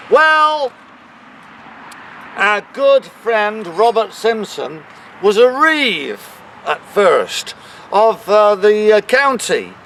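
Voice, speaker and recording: Slow, high-pitched man, theatrical town crier. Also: fairly bright tone, recorded from a distance, slight background noise. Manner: town crier delivery, theatrical proclaiming with drawn-out emphasis; exclamatory storytelling with rhetorical questions. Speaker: town crier and walking tour guide. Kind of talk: guided history tour narration. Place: outdoors in a cemetery.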